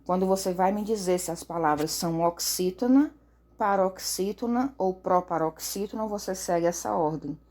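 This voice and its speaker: A woman's voice: on the low side, normal speed, darkish tone. A woman teacher gives a recorded lesson for children, patient, often checking in and stretching words out.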